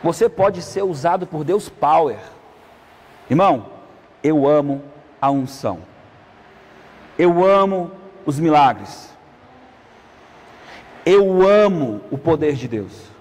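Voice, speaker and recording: Male preacher, high voice, dramatic loud-soft delivery, long church reverb. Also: lively intonation, slow, long pauses. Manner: calls out to the congregation with repeated "amém, irmão?"; shifts between loud peaks and hushed low asides. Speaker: apostle preaching. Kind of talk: sermon. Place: church hall. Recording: hall reverb.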